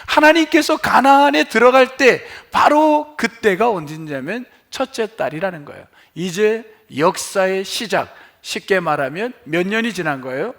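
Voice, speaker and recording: Male pastor, middle-aged, sermon, high voice, gravelly, asks and answers questions, soft low phrase endings. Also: lively intonation, normal speed. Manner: asks the congregation questions, then answers them; falls to quiet, low endings after emphatic phrases. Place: church sanctuary.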